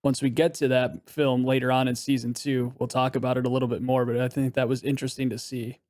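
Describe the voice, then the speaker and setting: A man's voice: medium pitch, flat delivery, quick pace, a little mellow, dry recording, clean studio sound. Man musing casually on a film podcast. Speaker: podcast co-host.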